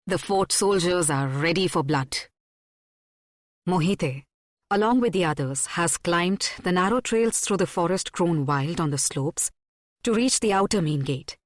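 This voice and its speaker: Low-voiced woman narrating an audiobook. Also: expressive, no echo, clean studio sound. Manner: measured, dramatic storytelling. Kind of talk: scripted narration.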